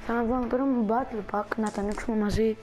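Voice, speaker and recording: A woman's voice: a little high, steady tone, a little mellow, soft background music, rough recording. A woman giving casual gameplay commentary as a channel host, chatting and talking viewers through her moves.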